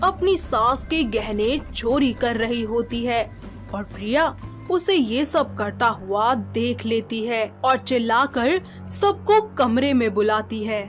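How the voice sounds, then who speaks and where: Woman narrating a story, very slow delivery, clear music underneath. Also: fairly high pitch, lively intonation. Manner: measured storytelling.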